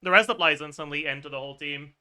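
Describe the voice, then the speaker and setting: A man's voice: on the high side, fast talker, sharp tone, clean tone. A man streaming a game, chatting casually and thinking aloud, swearing and laughing as he works through numbers. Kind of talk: livestream game chat.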